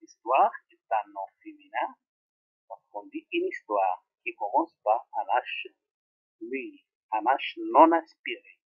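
Through tinny, phone-like audio, a male teacher walks pupils through French grammar at a slow pace. He repeats every example, his voice rising and falling with very lively pitch.

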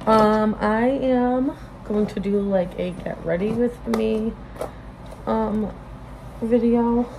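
A woman with a fairly high voice talks slowly to a phone camera, vlogging a casual get-ready-with-me chat that rambles, stays informal, and keeps interrupting itself. She's indoors in a small, bedroom-like room, with the phone propped at arm's length, and the recording picks up a lot of room noise.

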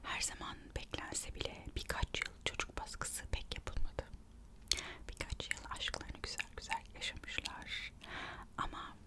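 A storyteller whispers an ASMR narration, reading aloud and adding gossipy, musing asides. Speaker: ASMR host narrating royal history.

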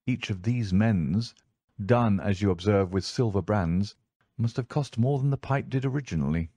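A male narrator voices an assured, analytical gentleman detective in an audiobook, speaking precisely as though giving a lecture. His voice is fairly low and moves at a moderate pace, with no room sound at all.

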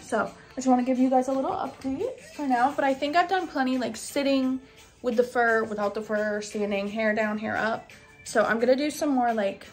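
Young female vlogger, high and bubbly, roomy handheld-camera sound. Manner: chatty, bubbly, lots of "like" fillers. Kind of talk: casual vlog chat. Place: her mom's house, indoors. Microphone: handheld vlog camera.

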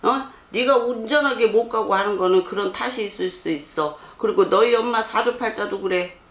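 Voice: medium pitch, normal speed, fairly bright tone. A fortune teller bluntly scolding a young man during a consultation, constantly prodding him for answers. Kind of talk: scolding counsel session. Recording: roomy with faint background noise.

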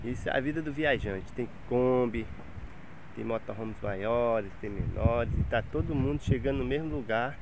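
Chatty man vlogging in loud wind. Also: mid-range voice, moderate pace. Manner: chatty, cheerful tour guide talk. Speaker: travel vlogger. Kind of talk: casual vlog walkthrough. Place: outdoor beachside campground, windy. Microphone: handheld phone camera. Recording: loud wind noise on phone mic.

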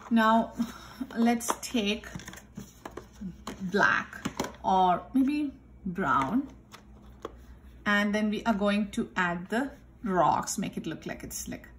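A woman art teacher giving a step-by-step drawing lesson, calmly talking through each step as she draws at a desk. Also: mid-range voice, drawn-out words, long pauses, a little hiss or hum. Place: indoors at a desk. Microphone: overhead camera filming the tabletop.

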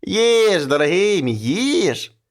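A man's voice: high-pitched, sing-song, slow, exaggerated voice. A man voicing a wheedling old iron-nosed witch in a storybook folk tale, her voice coaxing and raised.

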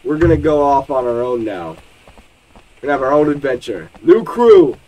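A young man giving jokey, excitable let's play commentary and talking to the game characters. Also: mid-range voice, fairly quick, rough recording. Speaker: gaming YouTuber.

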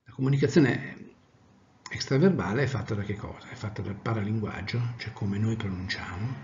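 A male trainer giving an animated lecture, swinging from loud to soft to demonstrate tone. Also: on the low side, moderate pace, lo-fi sound, slight background noise. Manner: animated, varies volume widely, demonstrates tones of voice.

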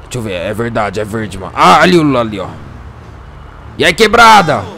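Fast-talking Brazilian man in slangy banter. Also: on the low side, slight background noise. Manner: rapid, slangy street talk, excitable. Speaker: roleplay gamer. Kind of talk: casual gaming roleplay chat.

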